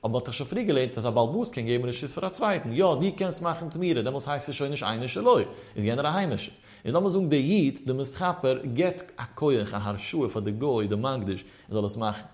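This religious teacher's medium-pitched voice is expressive, fairly quick and a little mellow. Chanting in a sing-song study style, he leads a Talmud lesson step by step, raising questions and then answering them himself.

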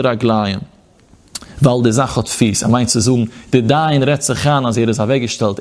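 A man's voice: on the high side, gravelly, darkish tone. A man giving a Torah lecture with a chanting study cadence and quoted Hebrew passages. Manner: chanting sing-song study cadence, mixing in Hebrew quotations. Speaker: rabbi teaching Torah. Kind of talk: Yiddish-inflected Torah lecture.

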